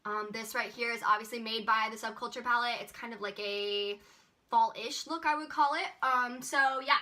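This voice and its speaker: A woman's voice: fairly high pitch, steady tone, normal speed, bright, forceful tone. A young woman chatting in a casual makeup haul vlog, bubbly and full of filler words. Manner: chatty, bubbly, lots of likes and ums. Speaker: beauty vlogger.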